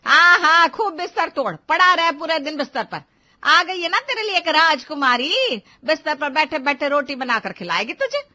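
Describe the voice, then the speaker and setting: A woman's voice: a little high, animated, moderate pace, pushed and bright, dry recording, clean studio sound. A woman voicing a scolding middle-aged mother who lectures her grown son. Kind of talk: Hindi cartoon voice acting.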